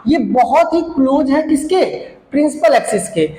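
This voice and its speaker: High-voiced woman teaching in a roomy echo. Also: expressive, moderate pace, dark tone. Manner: repeats key terms, asks and answers own questions; stretches out English definitions word by word. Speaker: physics teacher. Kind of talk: classroom lesson at a board. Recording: roomy echo, faint background noise.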